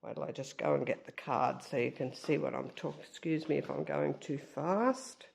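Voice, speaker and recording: A woman's voice: low-pitched, normal speed, vocal fry, a little mellow. A woman with a stuffed-up, nasal voice, chatting casually as she shows her craft work, with frequent ums. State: stuffed-up nose. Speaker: craft vlogger. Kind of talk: casual show-and-tell.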